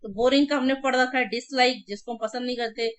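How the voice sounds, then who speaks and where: A woman's voice: a little high, fairly even intonation, quick pace. An Indian woman, a Hindi speaker, teaching exam vocabulary online, drilling words by repetition with memory tricks. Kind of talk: online exam-prep lesson.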